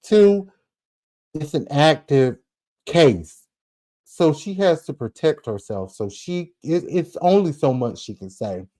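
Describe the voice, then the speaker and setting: A man's voice: a little high, animated, slow, dark tone. A forty-year-old man giving casual commentary on a vlog, chatty and full of asides, talking straight to his viewers. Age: 40s. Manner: chatty, talks straight to viewers, frequent asides and rhetorical "okay?". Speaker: celebrity gossip vlogger.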